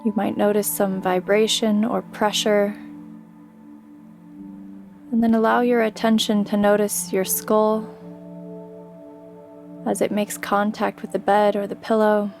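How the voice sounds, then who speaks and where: A woman guides a sleep meditation very slowly, her mid-pitched voice flat and even with some vocal fry. She gently instructs the listener with long pauses in a soothing, unhurried way while soft music plays behind her.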